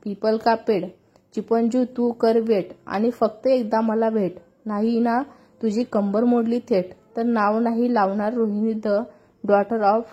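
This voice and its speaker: A woman voicing a sharp-tongued young woman. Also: a little high, level tone, unhurried, slightly rough, lo-fi sound. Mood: irritated. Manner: irritated, snapping.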